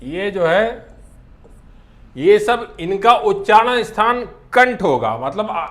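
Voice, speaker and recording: A man teaching a class, spelling out sounds one at a time in a slow, deliberate lecture. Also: high-pitched, big pitch swings.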